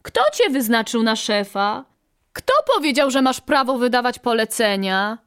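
A woman's voice: on the high side, lively intonation, moderate pace, a bit bright, clean tone, no echo, studio quality. A woman voicing a quarrelsome female quail who challenges the leader in a storybook reading. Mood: defiant. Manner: defiant, boastful.

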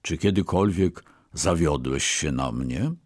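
A man voicing a loyal, gentle ox in a read-aloud storybook, speaking softly and slowly. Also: very deep voice, lively intonation, slightly rough, pitched below the performer's own voice, full character voice. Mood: calm. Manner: soft, slow, reassuring. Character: gentle strong male ox, loyal and calm.

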